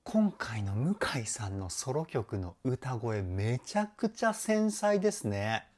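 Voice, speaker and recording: Lively, animated male vocal coach. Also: mid-range voice, slow pace. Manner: enthusiastic, admiring, explains technique step by step. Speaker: vocal coach and YouTube host. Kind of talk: voice analysis reaction commentary.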